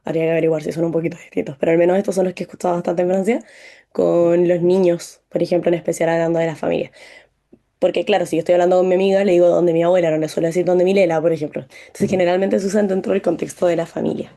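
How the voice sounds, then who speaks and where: A woman's voice: fairly low pitch, level tone, racing, vocal fry, warm tone. A woman with a Chilean accent teaching a French lesson, encouraging and full of examples. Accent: Chilean Spanish. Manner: encouraging, explains with lots of examples.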